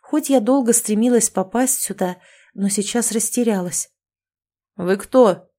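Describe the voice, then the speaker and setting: A woman narrating a first-person fantasy story in a steady, even storytelling voice. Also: a little high, normal speed. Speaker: audiobook narrator.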